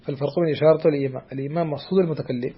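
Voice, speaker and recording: Teaching a student from a classical work of Islamic jurisprudence, this man speaks haltingly, full of long fillers and restarts, and keeps asking whether the student follows. His slightly high voice stays steady in tone and carries a breathy edge, heard through a muffled recording.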